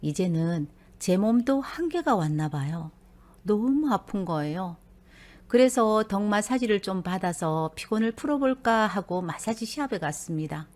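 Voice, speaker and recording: A woman's voice: mid-range voice, lively intonation, measured pace, darkish tone. Middle-aged woman telling a personal story. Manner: confiding, conversational.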